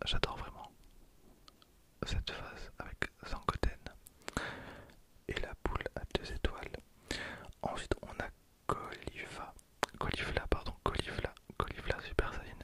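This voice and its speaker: Whispering ASMR-style into a close handheld recorder, a man in his 20s hosts a card pack opening video. He takes his time and repeats phrases slowly.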